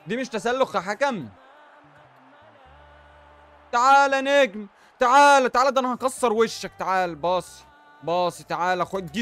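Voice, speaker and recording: A man's voice: sits high, fairly bright tone. A young Egyptian man commentating his own football video game matches, joking and trash-talking the opponent. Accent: Egyptian Arabic. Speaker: gaming YouTuber. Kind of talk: excited FIFA gameplay commentary.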